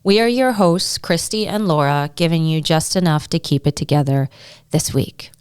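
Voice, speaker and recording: A woman co-hosting a podcast in casual chat, upbeat, with quick reactions and banter. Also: deep voice, darkish tone, clean tone. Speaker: podcast co-host.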